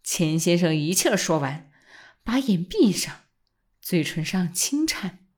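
Husky woman reading a novel aloud. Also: fairly low pitch, big pitch swings, unhurried. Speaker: audiobook narrator.

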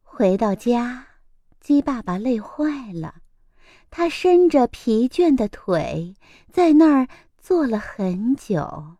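A woman hosting a children's story program, reading a picture book aloud in a gentle, expressive way. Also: on the high side, takes it slowly, no room sound, studio quality. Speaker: storyteller host.

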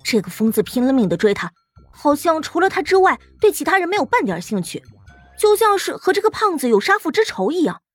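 A woman voicing a calm, sharp-witted young woman fighter who muses in a cool, measured way. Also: high-pitched, dry recording, soft background music. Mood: musing. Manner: cool, measured inner musing. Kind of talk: audiobook character reading.

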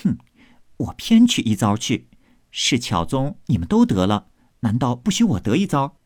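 Qingwen, a man doing a sharp-tongued proud maid. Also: mid-range voice, wildly swooping pitch, normal speed, dry recording, studio quality. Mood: sharp retort. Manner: sharp, sarcastic, indignant.

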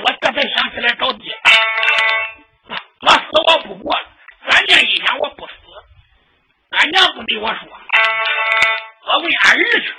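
Sing-song storyteller over loud music. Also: high-pitched, rough recording. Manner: half-sung, half-shouted delivery. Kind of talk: traditional sung storytelling with string accompaniment. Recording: loud instrumental accompaniment behind the voice.

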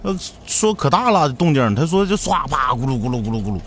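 A man voicing a deadpan, wisecracking assistant in a fan audio drama. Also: mid-range voice, fairly quick, soft background music.

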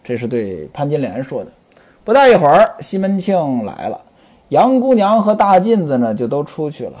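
A man's voice: fairly high pitch, big pitch swings, moderate pace, a little mellow. A man telling a classical novel as a storyteller, chatty, with explaining asides.

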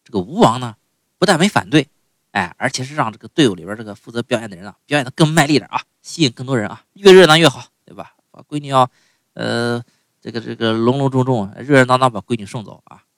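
A man's voice: mid-range voice, animated, fast talker, fairly bright tone, no room sound, studio quality. A man telling a comic folk story in a chatty way, often asking the listeners "right?" and tossing in interjections. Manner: chatty, lots of "哎" and "对吧" asides.

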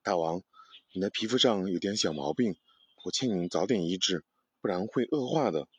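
Man doing grave ancient doctor, deep husky voice, storybook read-aloud. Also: animated, moderate pace, dry recording. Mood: urgent. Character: grave male ancient physician, earnest warning.

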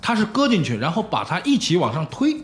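Male talk host, quick animated storyteller, higher voice, faint music behind. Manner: animated storyteller, lively laughing asides. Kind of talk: casual studio chat about football.

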